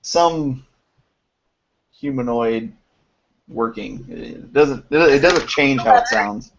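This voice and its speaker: A man acting as game master, narrating a tabletop game in a loose, halting way with frequent laughs. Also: mid-range voice, lively intonation. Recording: dull lo-fi home recording with faint noise.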